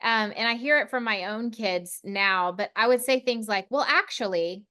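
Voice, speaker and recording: Confident articulate woman, smooth voice. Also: on the high side, normal speed, pushed and bright. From Oklahoma. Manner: confident and articulate, self-deprecating. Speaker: podcast guest, CEO of a consulting firm. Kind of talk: casual interview chat.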